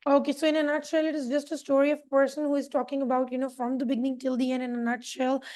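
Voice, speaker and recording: High-voiced woman explaining with fillers. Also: level tone, fast, darkish tone. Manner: thinking aloud with many fillers. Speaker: English teacher. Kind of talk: online class explanation.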